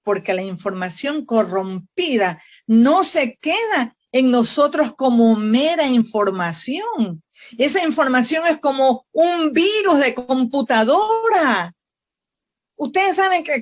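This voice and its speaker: A woman missionary teaching a Bible study, earnest and fervent, often asking her listeners questions directly. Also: high voice. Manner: earnest, fervent preaching with prayers spoken aloud.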